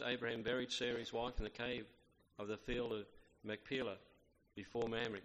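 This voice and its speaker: A man's voice: medium pitch, fairly bright tone. Man preaching in a reverberant hall. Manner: measured, reverent, with fillers and restarts. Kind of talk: sermon with Bible reading.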